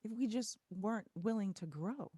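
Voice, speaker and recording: A woman's voice: mid-range voice, moderate pace, warm tone, husky, no room sound, clean studio sound. A middle-aged woman, a podcast guest, talking reflectively and a little shakily, with many fillers and restarts. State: voice a little shaky. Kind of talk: casual interview conversation.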